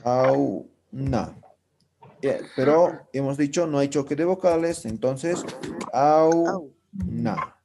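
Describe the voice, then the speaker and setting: A man's voice: mid-range voice, takes it slowly, vocal fry. Guy teaching a language class, patient, keeps asking "right?", middle voice, hissy noisy audio. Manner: patient, checks understanding with constant tag questions. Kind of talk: live online class.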